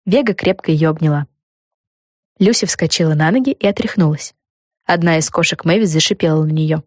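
A woman narrating a children's storybook in a calm, even way. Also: low voice, fairly quick, no echo, clean studio sound. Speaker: audiobook narrator.

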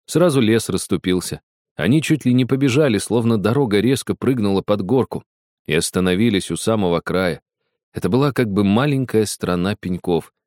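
Man reading a story out loud, deep voice, dry close sound, measured. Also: animated, no echo. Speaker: narrator. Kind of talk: audiobook reading.

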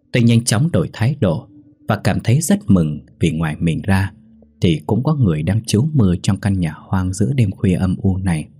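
A man narrating a ghost story in a steady, measured reading. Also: low voice, breathy edge.

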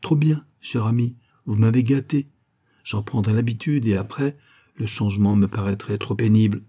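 A gallant, carefree hunter in an audiobook, smooth-talking and resolute, as a male narrator plays him. His low voice is mellow and slightly husky. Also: moderate pace, natural voice.

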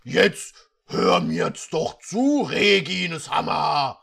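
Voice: mid-range voice, animated, unhurried, pushed and bright, exaggerated voice. A reader voicing a possessive, brooding male half-unicorn prince, pushy and commanding in a mock-dramatic reading.

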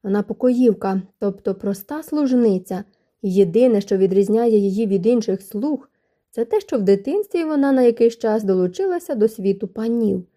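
A woman narrating a romance novel audiobook in a calm, measured reading. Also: mid-range voice.

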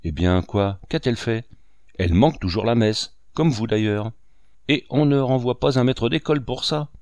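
A man's voice: medium pitch, normal speed, a little mellow, no room sound, lightly acted. A man reading the part of a poor, proud village schoolmaster, heated and bitter. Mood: indignant.

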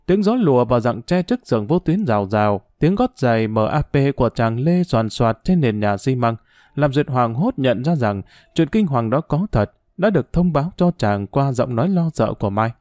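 A man narrating a story audiobook in a steady, measured way. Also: medium pitch, dry recording, studio quality.

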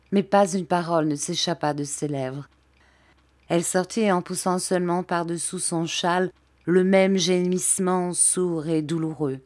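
A woman reading a classic novel aloud in a measured, even storytelling manner. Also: on the low side. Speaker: audiobook reader.

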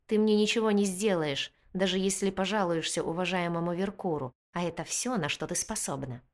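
A woman voicing an arrogant, hot-tempered young male guard who sneers and shouts insults in a fantasy audiobook. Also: on the low side, a little fast, lightly acted. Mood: sneering.

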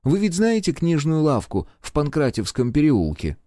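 A man voicing a calm male investigator who explains things in a measured way. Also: on the high side, no echo, clean studio sound, pitched above the performer's own voice. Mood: explaining.

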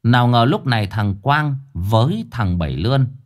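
A man narrating a horror story in a lively storytelling way. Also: medium pitch, moderate pace.

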